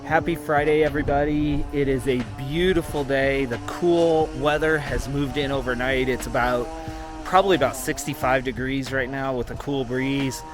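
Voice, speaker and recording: A middle-aged man hosting a casual vlog outdoors, talking in a relaxed, rambling way with many ums and uhs. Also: medium pitch, moderate pace, music in the background. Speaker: vlog host. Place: outdoors in a mountain town.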